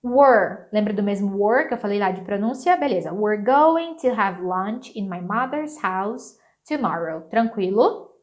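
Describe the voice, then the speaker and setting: A young Brazilian woman with a Brazilian Portuguese accent, teaching an English lesson in an upbeat way and repeating phrases slowly. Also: medium pitch, animated.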